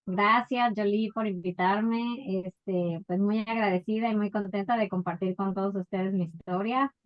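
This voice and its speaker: A woman from Ecuador telling her life story as an interview guest, unhurried and full of fillers. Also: medium pitch, fairly even intonation, lo-fi sound. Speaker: guest entrepreneur. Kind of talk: casual interview.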